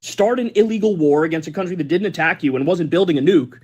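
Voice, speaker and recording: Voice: mid-range voice, quick pace, a little mellow, breathy edge. A host in casual political chat, blunt, profane and incredulous.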